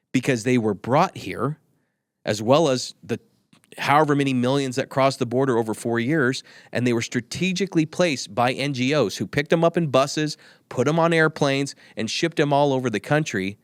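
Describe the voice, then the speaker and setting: A man guesting on an interview podcast, heard close and dry with no room sound. His pitch is average for a man. He argues in an emphatic, insistent way and circles back to the same points again and again. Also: no room sound. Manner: emphatic, repetitive, argumentative. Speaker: guest, tech company executive. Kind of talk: opinionated interview talk.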